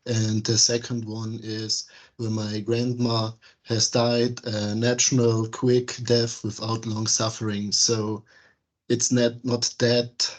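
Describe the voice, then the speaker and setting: Guy on a video call, slow and monotone, keeps searching for words. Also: on the low side. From Austria. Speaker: nursing student. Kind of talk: presenting in a video meeting.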